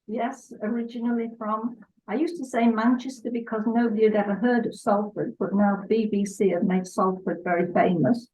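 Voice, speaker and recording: An older woman from England speaks as a guest on a video call interview. Her voice sits at a middle pitch, and she reminisces gently with small pauses and restarts. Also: fairly even intonation, poor audio. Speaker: guest, artist. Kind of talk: interview chat.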